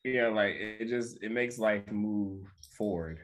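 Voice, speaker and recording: Man, fairly low pitch, earnest, restates points, casual conversation. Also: slow pace, a little hiss or hum. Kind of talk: casual chat.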